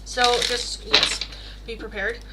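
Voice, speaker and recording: Over heavy background noise, a young Rotterdam-accented Dutch woman rambles slowly through chat questions during a laid-back livestream tarot reading. Her voice sits a little high with little pitch movement, and her chatty delivery is packed with fillers and self-corrections.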